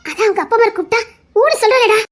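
A man putting on a shrill tearful woman. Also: expressive, racing, a bit bright. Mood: pleading. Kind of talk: amateur Tamil audio drama.

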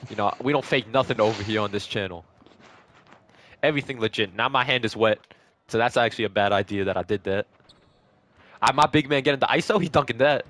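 A young American man giving excited, casual gameplay commentary into a headset, full of slangy trash talk and swearing. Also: medium pitch, fairly quick, pauses often. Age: young adult. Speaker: gaming video host and player. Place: small indoor bathroom, sitting in an ice bath. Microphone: gaming headset.

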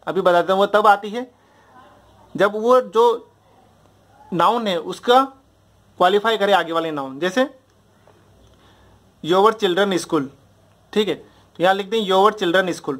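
A young man with a fairly high voice teaches a grammar lesson. He goes step by step, repeats the same example drills again and again, and keeps checking that his listeners follow. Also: fairly bright tone. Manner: explains patiently, repeating drills and checking understanding. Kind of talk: Hindi grammar lesson at a board.

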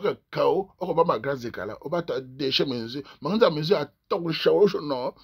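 A man's voice: fairly high pitch, husky. A man from Cameroon, giving theatrical advice in a vlog. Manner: theatrical, lively, jumps into acted voices. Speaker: advice vlogger. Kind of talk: animated advice monologue.

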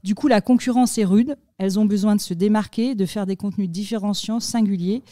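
A woman explaining content marketing on a podcast in a measured way, with many fillers. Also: mid-range voice, fairly even intonation, warm tone, no echo, clean studio sound.

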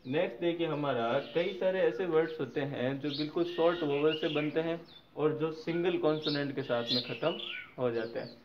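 Speaking at a normal speed in a voice on the high side, a man explains an English grammar lesson. He spells out word endings and keeps checking that viewers are following along, over a slightly dull recording with faint noise.

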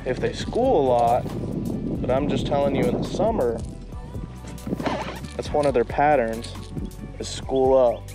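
A man's voice: mid-range voice, unhurried, long pauses, over loud music. A man vlogging his fishing trip from a kayak on a lake, chatting casually to his viewers about what he is doing. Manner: chatty, talks to viewers as guys, bursts into excited shouts when fish bite. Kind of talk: casual first-person fishing commentary. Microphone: action camera mounted on the body.

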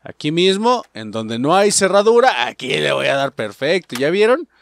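A man with a Mexican accent commenting on a game he is playing, cursing constantly and shouting at enemies. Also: a little high, moderate pace, creaky. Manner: profane, excitable, shouts at enemies. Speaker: gaming channel host. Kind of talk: let's play commentary.

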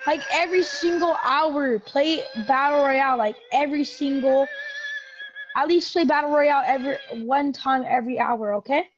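High-voiced woman rambling over game chat. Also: moderate pace, lo-fi sound, soft background music. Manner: rambling, repeats herself, slangy. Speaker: gaming teammate. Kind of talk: casual voice chat while gaming.

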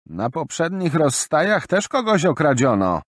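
A man's voice: a little high, big pitch swings, measured pace, dry recording, studio quality, voice pushed up. A man voicing an older gray-haired woman merchant who pronounces judgment sternly. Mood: stern, accusing. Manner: stern, commanding.

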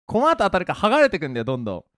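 Young man, high voice, very lively pitch, rambling self-mocking game-stream chat. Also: rapid-fire, dry recording. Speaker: pro gamer and video creator. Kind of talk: casual storytelling while playing a game. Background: faint game music.

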